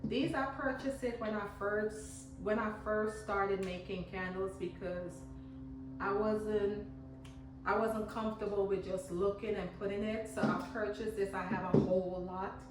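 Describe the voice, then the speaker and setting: Speaking a little slowly with fairly even intonation, this candle maker from Guyana chats in her Guyanese accent as she demonstrates her craft at home in the garage, often circling back over what she's said. Her voice is mid-range. Music plays in the background along with passing cars and a lawn mower, and the distant mic picks up the garage's echo.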